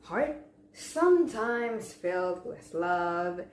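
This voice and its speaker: A young woman delivers a memorized contest speech in a deliberate, theatrical way, with pauses and rhetorical questions. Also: on the low side, sing-song. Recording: echoey room with faint background noise.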